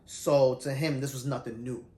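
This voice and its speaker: A middle-aged man telling his singing story in a loose, animated, conversational way, teaching as he goes. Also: medium pitch, normal speed. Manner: animated, self-described shy introvert, loose and conversational. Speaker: vlogger sharing singing tips. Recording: roomy echo.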